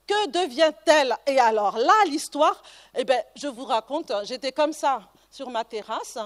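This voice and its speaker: A woman's voice: high voice, lively intonation, unhurried. A woman researcher giving a conference talk, telling a personal anecdote with digressive asides and frequent restarts.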